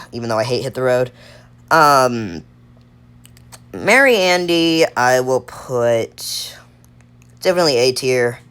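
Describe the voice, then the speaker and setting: A woman's voice: rumbling low, a bit bright. A woman giving casual tier-list commentary on a card game, thinking aloud and rambling with fillers and restarts. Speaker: gaming video creator.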